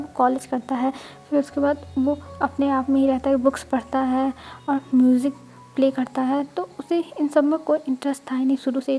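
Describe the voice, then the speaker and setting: High-voiced woman retelling a story. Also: dark tone. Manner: chatty, self-correcting. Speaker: fanfiction storyteller.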